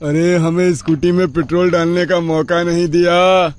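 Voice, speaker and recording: A man's voice: high-pitched, little pitch movement, normal speed, natural voice. An actor playing a crude young male thug in a horror story, talking with a mocking, lewd swagger. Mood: taunting. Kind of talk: dramatized horror story voice acting.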